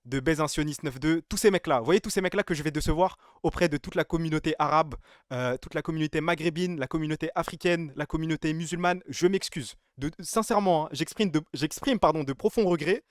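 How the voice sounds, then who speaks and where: A man's voice: a little high, fairly quick, no room sound. Young man streaming, dry close sound. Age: 20s. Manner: rambling and joking, lots of laughing and exclaiming. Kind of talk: casual live-stream chat with viewers.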